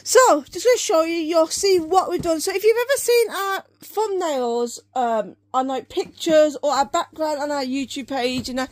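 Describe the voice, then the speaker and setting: A young British woman with a high voice chats to the camera while showing off a shelved room at home. She rambles and corrects herself as she goes, in a loose, friendly vlog style. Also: normal speed, few pauses, no echo. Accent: British English. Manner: chatty, rambling, self-correcting. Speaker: channel co-host. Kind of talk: casual collection vlog.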